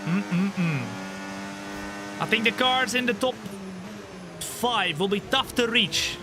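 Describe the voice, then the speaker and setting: A high-pitched man, twenty-five, talks at a slow pace while livestreaming a racing game. He converses with viewers and commentates with a joking, self-teasing tone. The racing car engines of the game are audible behind his voice.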